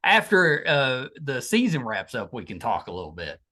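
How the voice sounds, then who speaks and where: A man's voice: mid-range voice, wildly swooping pitch, moderate pace, sharp tone. Appalachian man hosting a casual podcast. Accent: Appalachian West Virginia. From West Virginia, USA. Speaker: podcast host.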